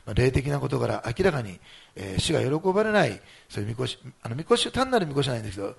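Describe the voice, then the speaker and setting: A man's voice: mid-range voice, big pitch swings, racing, vocal fry, slightly rough. A man preaching a sermon as pastor, in a conversational way with many small fillers.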